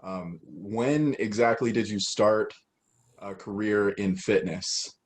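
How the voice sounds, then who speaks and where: A man co-hosting a podcast, asking measured, easygoing questions. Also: lowish voice. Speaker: co-host. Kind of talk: casual podcast interview.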